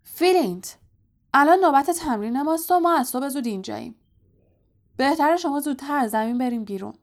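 A woman voicing an angry teenage male team captain who shouts quick, bossy orders in an audiobook. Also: high voice, lively intonation, voice pushed up. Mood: furious.

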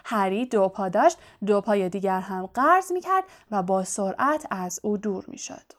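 Woman narrating a novel, steady tone. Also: medium pitch. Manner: even, steady storytelling.

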